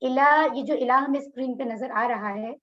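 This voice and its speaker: A woman's voice: fairly high pitch, fairly even intonation, normal speed, a bit bright, muffled recording. A woman teaching a Quran class over a video call, explaining words patiently and asking her students questions. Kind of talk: online class lecture.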